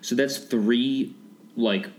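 A man's voice: medium pitch, extremely slow. A man in his late twenties co-hosting a podcast, chatting casually with hesitant restarts. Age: 20s. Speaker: podcast co-host.

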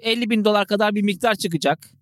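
A man co-hosting a casual podcast chat, teasing his partner and cutting in with quick jokes. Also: sits high, dry recording, clean studio sound. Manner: jokey, teasing, quick interjections. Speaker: podcast co-host.

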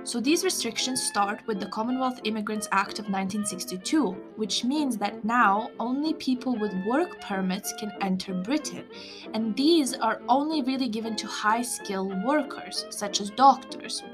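A young woman hosting a scripted podcast, explaining in a measured way with wry asides. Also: a little high, music in the background. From Lithuania. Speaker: podcast host.

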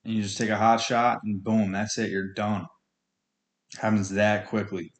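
Male solo podcast host, slightly deep voice, plain-spoken and earnest street-level pep talk with swearing, captured in an echoey room. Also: level tone, moderate pace. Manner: blunt, earnest, sweary, colloquial. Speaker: podcast host speaking on addiction recovery. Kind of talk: informal motivational monologue.

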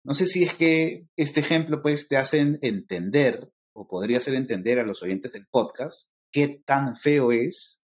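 A middle-aged man from Lima, Peru, appears as a guest expert on interculturality, explaining ideas to a podcast host in a lecturing way. He has a Peruvian accent and uses frequent fillers like "este". His medium-pitched voice is expressive, measured in pace, with hardly any pauses.

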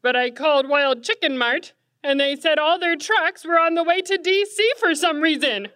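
Brief: earnest young guy Jimmy, played by a woman, high bright voice, dry close sound. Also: moderate pace, no echo. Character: earnest young man Jimmy hunting chicken.

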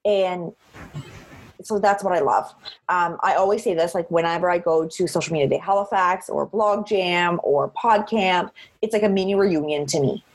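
An outgoing woman chats in an interview. Her voice has a husky edge, and she leans on repeated phrases to press her points. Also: lowish voice, normal speed. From Cape Breton, Canada. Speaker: interview guest, social media marketer. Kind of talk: conversational interview.

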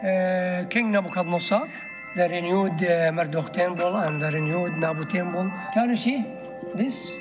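High-voiced Iraqi tour guide, broken English. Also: male voice, normal speed, over music. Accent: Iraqi Arabic. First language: Arabic. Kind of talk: explaining to visitors in simple broken English.

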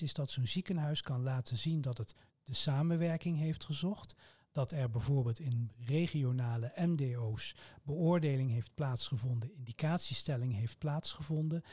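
A man with a Dutch accent, answering interview questions in a measured, formal way with precise terms. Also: mid-range voice, darkish tone. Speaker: medical oncologist guest.

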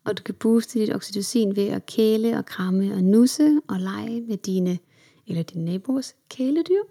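A woman's voice: medium pitch, vocal fry, dark tone. A young woman hosting her own self-help podcast, chatting in an upbeat way and slipping English words into her talk. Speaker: podcast host.

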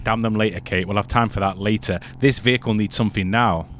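A man's voice: lowish voice, quick pace, a bit bright, a little hiss or hum. A man playing along in a comic skit, sounding bemused and questioning.

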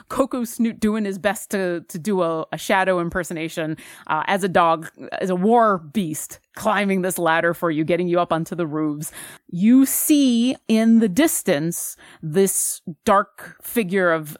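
A woman narrates as game master in a tabletop game, describing scenes at length with a lower voice. The sound is dry and close, with no room echo. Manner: descriptive, with frequent fillers and restarts.

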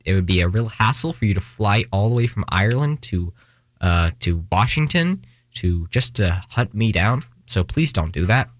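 On his casual solo podcast, a young Washington, US, host rambles along with many restarts and fillers, teasing himself and running out of breath. His voice is on the low side and animated at normal speed, in a dry, clean studio sound.

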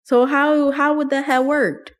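A woman's voice: high voice, little pitch movement, unhurried. A young woman telling her own story in an interview, candid and casual, using slang and laughing often. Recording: faint music underneath.

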